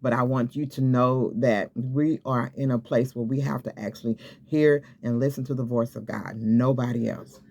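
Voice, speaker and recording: A man's voice: mid-range voice, fairly even intonation, normal speed, vocal fry, darkish tone. A man preaching an informal sermon to camera, exhorting and repeating himself, often checking in with "okay?". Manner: repetitive, exhorting, with many restarts and "okay?" checks.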